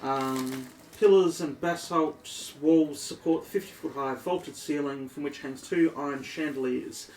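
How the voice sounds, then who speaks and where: A man's voice: a little high, measured pace, hardly any pauses, darkish tone. A man with an Australian accent narrating a tabletop game as dungeon master, descriptive with many ums. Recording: echoey room, distant mic, faint noise.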